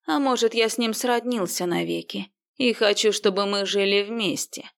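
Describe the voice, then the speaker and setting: A woman's voice: mid-range voice, gravelly, close to an everyday voice. A woman voicing a smug, wealthy man who speaks in a condescending, smirking way. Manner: condescending, slow smirking delivery.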